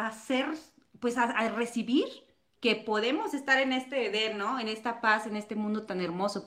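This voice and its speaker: High-pitched woman coach chatting on a podcast, expressive, roomy echo. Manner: expressive, acts out her own past words. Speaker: panelist, session coach. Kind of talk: casual podcast panel talk.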